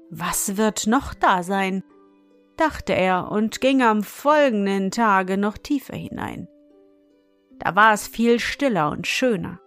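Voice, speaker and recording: A woman narrating a fairy tale in a calm, measured storytelling manner. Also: medium pitch.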